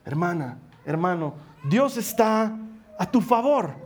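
A man preaching a sermon as a pastor, emphatic, slowing down dramatically and dropping to a soft voice on key phrases. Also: sits high. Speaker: pastor and coach.

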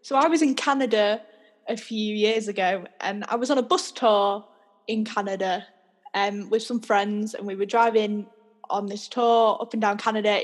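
Husky-voiced chatty woman. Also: medium pitch. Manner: chatty, laughs often, animated storyteller. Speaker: podcast co-host. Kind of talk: casual storytelling chat.

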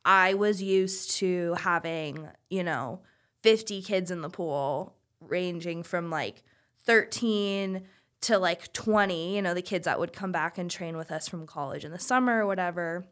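A woman's voice: fairly low pitch, a little slow, a bit bright. A young woman in her twenties, a former college swimmer, chatting candidly as a podcast guest and filling her talk with "like". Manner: heavy use of "like", chatty and candid. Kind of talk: casual chat.

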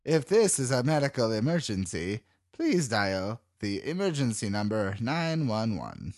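A man's voice: medium pitch, dry recording, studio quality, pitched below the performer's own voice. A man doing a robot voice of a recorded woman. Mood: robotic. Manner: flat, measured, robotic delivery. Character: automated female robot phone-message voice. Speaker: podcast co-host. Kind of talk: comic impression on a podcast.

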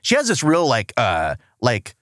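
A man's voice: medium pitch, huge pitch swings, a little slow, a bit bright, dry recording, clean studio sound. A man co-hosting a casual comedic recap chat, rambling and jokey, often correcting himself. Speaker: podcast co-host reviewing a cartoon.

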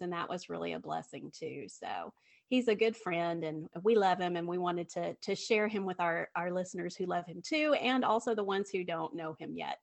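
A woman's voice: lowish voice, vocal fry. A woman chatting casually as the co-host of a podcast.

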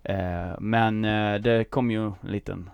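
A man's voice: fairly low pitch, fairly even intonation, clean tone, dry recording. A man with a Skåne accent, a musician guest in casual chat, hesitant and full of fillers.

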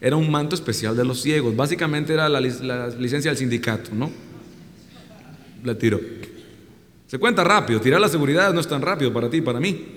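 A man's voice: mid-range voice, a little fast, a bit bright. A man with a Mexican accent preaching a sermon in a colloquial, joking way, in a hall with long reverb.

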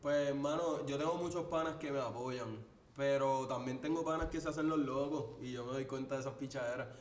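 Man, music producer, relaxed talk, set back from the mic, echoey room. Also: mid-range voice, a little fast, distant mic. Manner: relaxed, laughing, repetitive fillers. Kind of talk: casual chat. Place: podcast studio.

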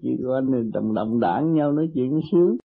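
A man, a meditation teacher counseling a disciple, gentle and teasing, speaking in short maxims. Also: mid-range voice, lively intonation, normal speed, vocal fry, breathy edge. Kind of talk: spiritual counseling. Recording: tinny lo-fi tape.

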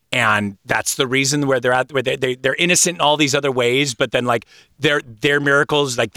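Man, podcast co-host, bright voice, dry close sound, stumbling, jokey. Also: mid-range voice, no room sound. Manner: halting, repeats words, joking asides. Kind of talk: casual podcast discussion.

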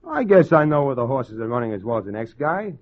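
On a muffled vintage radio broadcast, a man fast-talks in a sing-song, mid-range voice as a wisecracking small-time gangster and ladies' man in a 1940s crime drama. He's cocky, slangy, and tough-talking, with a casual, lively feel.

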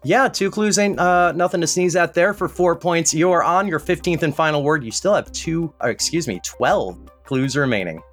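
An American man hosts a podcast word game, moving briskly through scores and rules. His asides land dry and wry. Faint music runs softly underneath. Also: fairly high pitch, animated. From United States. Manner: brisk, wry announcer patter. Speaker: game show host. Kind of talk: podcast game show hosting.

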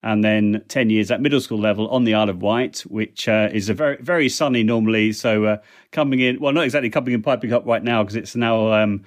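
Talking fast in a lowish voice, this podcast guest chats his way through relaxed interview answers, full of ums and little restarts. He's a middle-aged man who works as a language technology consultant.

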